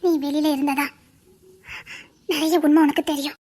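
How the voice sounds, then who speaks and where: A woman's voice: sits high, level tone, normal speed, darkish tone, lightly acted. A woman voicing a stern, grieving mother figure. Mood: earnest. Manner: earnest, insistent, soothing. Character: grieving mother who lost twin babies, stern protective counsellor.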